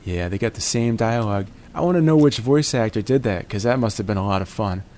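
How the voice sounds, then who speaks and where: Expressive and brisk, a fortysomething gaming commentator banters like a morning DJ, calling viewers "baby" and "my friends" and veering into tangents. His voice is lowish and a little mellow, with a bit of hiss or hum.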